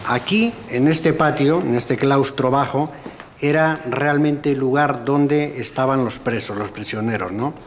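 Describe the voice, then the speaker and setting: A mid-pitched man with an accent from Spain gives an informal guided explanation on site. He often seeks agreement as he goes, with slight noise around him. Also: a little slow. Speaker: local guide. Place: speaking on site at a cloister.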